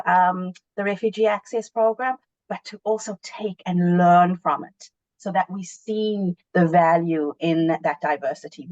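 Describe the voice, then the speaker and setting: A woman's voice: on the low side, dry recording, dull audio. A woman from South Africa, a panel guest answering earnestly and reflectively on a webinar. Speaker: panel guest, award winner.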